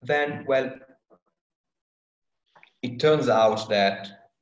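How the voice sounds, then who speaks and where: A man's voice: mid-range voice, very slow, echoey room, dull audio. A man giving a mathematics seminar over a video call, his audio cutting out on a bad connection, talking hesitantly with fillers and self-corrections. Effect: choppy, cutting-out online call audio. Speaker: seminar speaker. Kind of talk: mathematics research talk.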